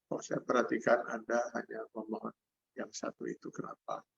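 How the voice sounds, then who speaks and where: Reciting Arabic verses and then explaining them, an older Islamic preacher with an Indonesian accent gives a sermon over a video call. His fairly low voice is creaky and sing-song at a moderate pace, and the dull lo-fi recording carries a little hiss or hum.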